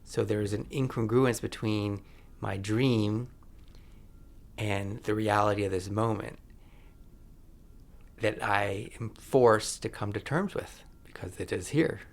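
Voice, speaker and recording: A man in his forties, a film director talking as a podcast guest, thoughtful and searching, with pauses and restarts. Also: fairly low pitch, creaky. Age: 40s. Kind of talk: reflective conversation.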